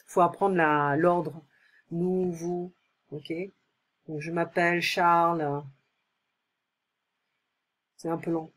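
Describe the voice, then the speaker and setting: Low, slow-speaking woman teacher. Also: level tone. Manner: explains slowly, checks in with "d'accord?" and "ok?". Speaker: French teacher. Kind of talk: recorded tutoring lesson.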